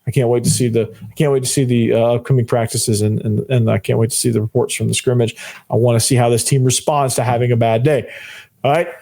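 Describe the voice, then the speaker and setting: A man hosting a sports podcast with a hoarse, worn-out voice, giving informal football analysis and repeating phrases for emphasis. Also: medium pitch, fairly even intonation, fast talker, mellow. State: hoarse, voice nearly gone. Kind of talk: solo football analysis commentary.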